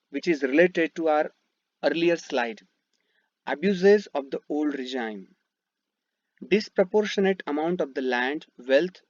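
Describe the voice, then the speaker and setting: A man's voice: on the high side, darkish tone. A man with an Indian English accent and Marathi as his first language, teaching a history lesson over slides, with rhetorical questions and frequent fillers. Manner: explains step by step, asks rhetorical questions, frequent fillers and restarts. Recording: dull dry lo-fi voice-over.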